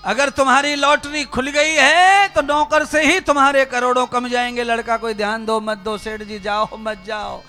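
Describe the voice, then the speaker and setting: A man's voice: very high-pitched, fairly even intonation, normal speed, hardly any pauses, bright, forceful tone, faint music behind. A man giving a religious sermon, speaking fervently and rhetorically and addressing his listeners directly. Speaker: spiritual preacher. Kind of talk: Hindi religious discourse.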